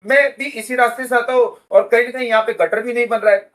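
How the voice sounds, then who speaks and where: A man's voice: very high voice, fairly even intonation, fast talker, fairly bright tone, low-quality recording. A man who runs a school, explaining at length in an interview and often checking in with "okay". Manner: explanatory, keeps adding "theek hai". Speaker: school director. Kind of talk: interview answers.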